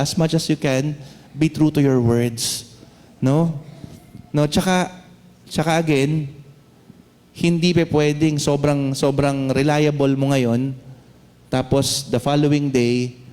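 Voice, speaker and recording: A man with a Filipino accent preaching a sermon, switching between English and Tagalog, reading Bible verses slowly and often checking in with "no?". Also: mid-range voice, warm tone. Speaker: pastor. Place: church hall. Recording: long hall reverb.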